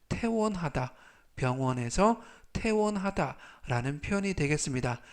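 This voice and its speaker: A man teaching English vocabulary, speaking slowly and deliberately and repeating each word three times. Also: fairly high pitch. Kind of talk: vocabulary lesson.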